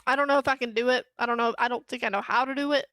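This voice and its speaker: A woman's voice: fairly high pitch, steady tone, rapid-fire, fairly bright tone, no room sound. A young adult woman streaming a game, chatting casually and in a giggly, scattered way with her viewers. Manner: giggly and scattered, talking to chat. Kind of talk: casual live-stream chat.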